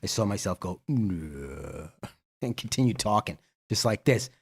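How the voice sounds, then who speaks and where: A man's voice: lowish voice, a little fast, breathy edge. A man hosting a casual livestream, reading out viewers' names and thanking them, rambling and laughing as he goes and swearing casually. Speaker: livestream host.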